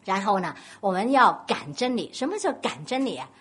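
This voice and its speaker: A woman's voice: mid-range voice, fairly quick, husky. A woman from Guangdong with a Cantonese accent, preaching a sermon and telling stories while putting questions to the congregation. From Guangdong, China. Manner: animated storytelling, questions to the congregation.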